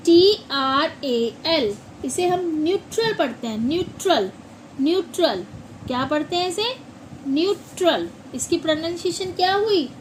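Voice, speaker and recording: High-voiced slow-talking woman teacher. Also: darkish tone, slight background noise, poor audio. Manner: slow, repeats words and asks questions back. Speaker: English pronunciation teacher. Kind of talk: classroom-style lesson.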